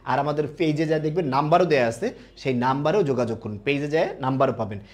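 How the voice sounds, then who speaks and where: A man's voice: on the high side, fast. A young man from Bangladesh, teaching a live online admission class, explaining step by step and often checking whether students follow.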